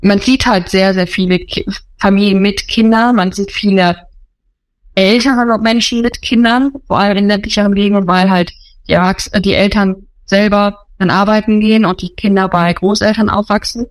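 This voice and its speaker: A woman's voice: mid-range voice, steady tone, normal speed, no room sound. Earnest woman in her thirties, dry sound. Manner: earnest, with many fillers. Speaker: missionary. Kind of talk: interview answers.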